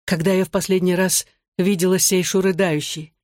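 Measured first-person audiobook narrator. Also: medium pitch, flat delivery, a little mellow, dry recording, studio quality. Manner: measured, phrase-by-phrase reading.

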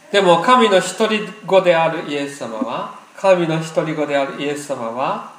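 A man preaching a sermon as pastor, earnest and emphatic, repeating phrases for weight. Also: fairly high pitch. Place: church hall. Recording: roomy echo.

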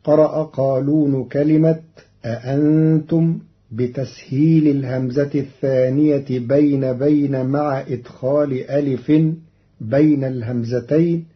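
A man from Egypt, a Quran reading scholar, gives a formal, measured radio explanation and chants quoted verses slowly. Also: medium pitch. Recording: dull lo-fi archival radio broadcast.

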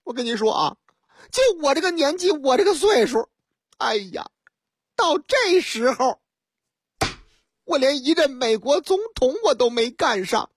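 A woman putting on a shrill, wailing caller. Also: expressive, measured pace, long pauses, husky, no echo, full character voice. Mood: rambling. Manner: wailing and rambling in circles.

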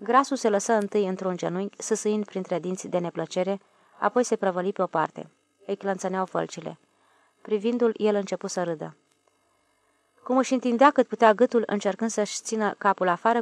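A woman's voice: mid-range voice, no echo. Woman reading a novel, dry close sound. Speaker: audiobook narrator. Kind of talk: scripted narration.

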